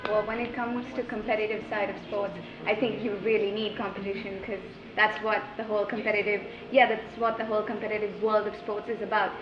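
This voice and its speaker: A woman's voice: medium pitch, flat delivery, fairly quick, hardly any pauses, over music. A woman giving informal panel remarks. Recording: dull, echoey, clearly noisy room.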